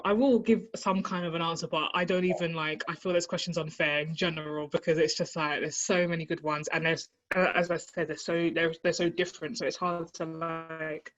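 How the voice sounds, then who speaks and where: A young woman chatting casually as a guest about her interests, animated and full of fillers. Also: low voice. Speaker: guest, anime fan. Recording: slightly dull lo-fi audio.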